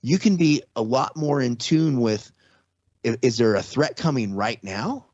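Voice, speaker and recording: A man's voice: medium pitch, expressive, a little slow, darkish tone, dry recording. A man in his forties or fifties, a podcast guest, explaining ideas earnestly in casual talk with many restarts. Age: 40s or 50s. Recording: slightly dull lo-fi audio.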